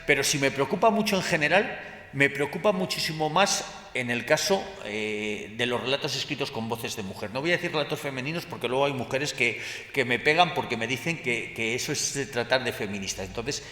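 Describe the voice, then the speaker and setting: Male panel moderator, hesitant and filler-heavy, bright tone, echoey hall. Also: medium pitch, fairly quick. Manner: hesitant, many fillers and restarts. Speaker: moderator of a round table. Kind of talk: panel discussion. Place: large hall at a book fair. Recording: roomy hall with long reverb.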